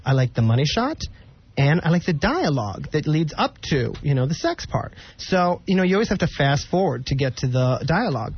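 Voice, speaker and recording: A man's voice: fairly high pitch, big pitch swings, brisk, breathy edge, muffled recording. A man with a chatty, campy manner doing a casual comic monologue as host.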